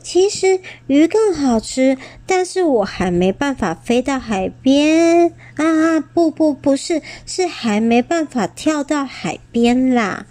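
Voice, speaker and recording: A woman's voice: high voice, big pitch swings, slow pace, few pauses, dark tone, voice pushed up, exaggerated voice. A woman voicing a small, kind, timid male pterosaur in a storybook reading, stammering when flustered. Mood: eager.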